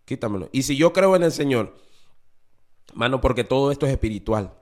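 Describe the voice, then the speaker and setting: A man's voice: mid-range voice, lively intonation, a little fast, darkish tone. A man giving an earnest, confessional podcast testimony, often repeating his phrases. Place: New Orleans.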